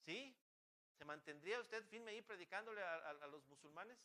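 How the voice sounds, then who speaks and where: A man's voice: high-pitched, expressive, normal speed, sharp tone. A man preaching a sermon as pastor. He talks fervently, asks the congregation many rhetorical questions and often restarts his phrases. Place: church.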